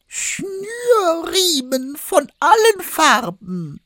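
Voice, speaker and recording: An actor voicing a jealous evil queen disguised as an old peddler woman, shrill and wheedling, in a children's fairy tale reading. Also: wildly swooping pitch, extremely slow, sharp tone, no room sound, studio quality, full character voice. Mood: calling wares.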